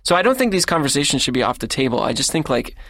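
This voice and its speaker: A man's voice: mid-range voice, sing-song, fast talker, a bit bright, no echo, clean studio sound. A man on a sports podcast panel, a football writer who talks hesitantly with many fillers. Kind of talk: casual sports chat.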